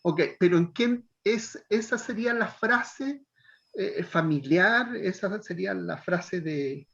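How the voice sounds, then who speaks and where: A middle-aged man teaching a pastoral counseling class, gently coaxing a student and checking in often. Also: high-pitched, animated, slow, vocal fry, muffled recording.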